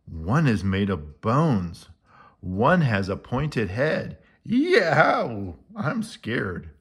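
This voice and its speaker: A man's voice: on the low side, big pitch swings, drawn-out words, husky, full character voice. A man reading aloud as Morris, a naive, easily scared male friend who loves candy. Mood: worried. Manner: wide-eyed and easily scared.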